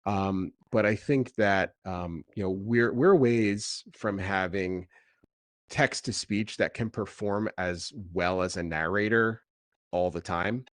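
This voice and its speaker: Being interviewed as a tech founder on a podcast, this man has a deep voice and explains himself casually and haltingly, frequently repeating words. The recording is dry, with no room sound at all.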